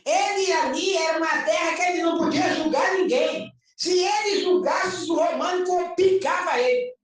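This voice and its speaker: A woman pastor with a Brazilian Portuguese accent, preaching a lively, chatty sermon and often checking that the congregation follows her. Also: very high-pitched, moderate pace. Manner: animated and chatty, often asking listeners if they follow. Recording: echoey room recorded from far off.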